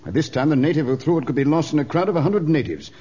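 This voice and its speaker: An excitable club member in a vintage radio drama, speaking briskly. His voice rises and falls a lot. The sound is dull and lo-fi. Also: a little high, slightly rough. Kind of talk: 1940s radio acting. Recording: dull lo-fi old radio recording.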